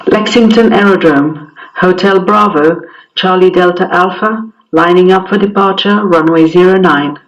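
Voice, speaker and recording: A man's voice: high voice, steady tone, normal speed, a bit bright, far from the mic, dull audio. A man voicing a pilot's radio calls in clipped, formulaic phrasing, as if transmitted from a cockpit headset. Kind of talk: demonstrating aviation radio calls.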